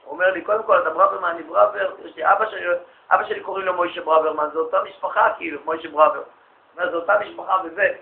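A man's voice: high voice, creaky. Man telling stories in an echoey hall. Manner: lively anecdotal storyteller, acts out quoted dialogue. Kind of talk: storytelling lecture to an audience. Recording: echoey, phone-like lo-fi recording.

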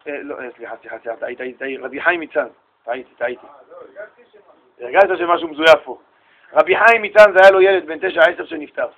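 A middle-aged rabbi from Israel tells stories in a lively sermon, his voice high and bright with a forceful edge. He jumps into the voices of the people in his tales and teases his listeners as he goes. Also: poor audio. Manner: animated, acts out voices and shouts in stories, banters with listeners. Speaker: rabbi giving a Torah lesson.

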